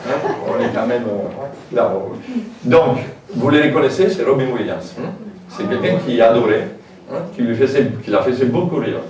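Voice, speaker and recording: A man's voice: mid-range voice, animated, normal speed, a little mellow. A man giving a public lecture in a hall, informal and hesitant, with many fillers and asides. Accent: French with a foreign lilt. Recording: very echoey hall, distant mic, faint noise.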